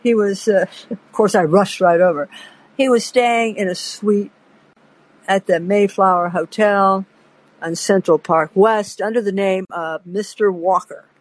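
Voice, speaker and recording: A woman's voice: medium pitch, steady tone, a little slow, dry recording, low-quality recording. An older woman hosting a podcast, telling long, digressive anecdotes in a chatty way and breaking off to laugh. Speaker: podcast host. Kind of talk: rambling anecdotal storytelling.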